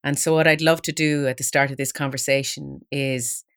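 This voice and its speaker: A woman's voice: extremely low pitch, little pitch movement, a little fast. A woman hosting a podcast, introducing and interviewing in an effusive, encouraging manner. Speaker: podcast host.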